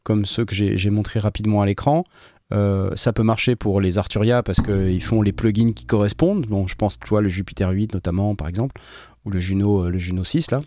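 A man hosting a live stream, asking his guest questions in a relaxed, joking way. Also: fairly low pitch, fairly quick, no room sound. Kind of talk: casual live-stream chat.

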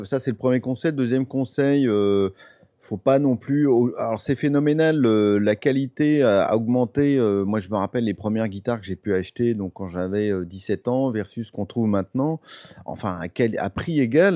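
A man's voice: medium pitch, moderate pace, warm tone, no echo. A man from Paris, a guitar expert, chatting casually with many fillers and restarts. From Paris, France. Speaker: guest guitar expert with a guitar channel. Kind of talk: casual podcast chat.

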